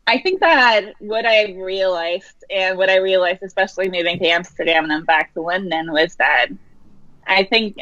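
Relaxed and chatty, a woman from Norway in her thirties laughs frequently while speaking as a guest in a video-call interview. Her voice sits on the low side. The lo-fi call audio sounds dull and dry, with no room sound.

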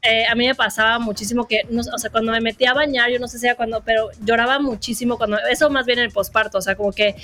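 A woman hosting a casual podcast chat, speaking in a measured way with fillers. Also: on the high side, steady tone, a bit bright, faint music behind. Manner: measured, thinks aloud with fillers. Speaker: podcast host.

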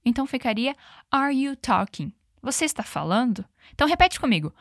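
A woman's voice: high-pitched, sing-song, fairly bright tone, no echo, studio quality. Patient woman teaching English drills. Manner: patient, slows down on English phrases. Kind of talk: language lesson with repeat-after-me drills.

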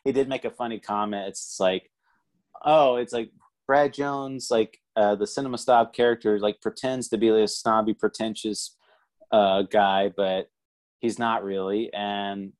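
Low-voiced man rambling through a movie review. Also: level tone, normal speed. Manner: rambling, many restarts and fillers, laughs often. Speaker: podcast co-host. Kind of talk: casual movie review chat.

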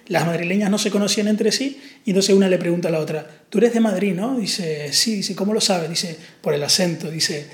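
A podcast co-host from the Canary Islands speaks with a Canarian Spanish accent in a high-pitched voice, moving briskly with few pauses. In casual conversation he tells stories reflectively, hesitating with fillers, and the recording has a roomy echo.

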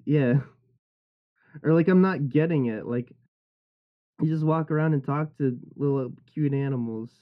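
A man's voice: fairly high pitch, a little slow, long pauses, phone-quality sound. A young man who does voice acting, chatting casually with friends in a rambling, jokey way full of fillers. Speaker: voice actor. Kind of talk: casual group chat.

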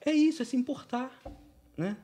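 This podcast guest, a Brazilian painting business owner, has a very high-pitched, warm, slightly rough voice and speaks at a moderate pace with plenty of animation. Casual and chatty, he tells stories in a Brazilian Portuguese accent, constantly tacking on "né?".

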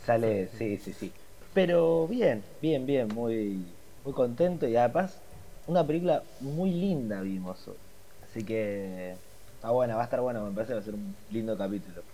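An Argentine man in his thirties with a raspy, smoker-like morning voice, chatting casually as a podcast panelist. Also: medium pitch, expressive, moderate pace, dark tone, a little hiss or hum, rough recording. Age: 30s. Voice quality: raspy, boozy-sounding morning voice. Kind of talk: casual film chat.

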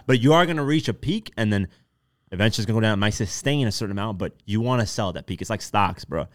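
Man, lowish voice, dry close sound, casual co-host chat, sweary and slangy, repeats for emphasis. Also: expressive, very fast, no echo. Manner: slangy, profanity-laced, repeats points for emphasis. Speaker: podcast co-host. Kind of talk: casual chat about news and business.

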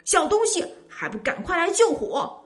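A woman's voice: high-pitched, sing-song, normal speed, a bit bright, soft background music. A woman voicing a proud, boastful male tiger in a children's story, scornful and bossy. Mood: panicked pleading.

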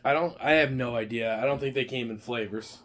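A man's voice: medium pitch, brisk. A young man co-hosting a casual podcast, giving dry, wry reactions and listing items. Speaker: podcast co-host. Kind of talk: casual chat.

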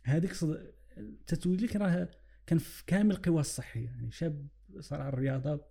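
A man's voice: a little high, expressive, fast talker, vocal fry, warm tone. A man with a Moroccan Arabic accent reflecting on religion in conversation, illustrating with examples and mixing in English phrases. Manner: mixes English phrases into his speech.

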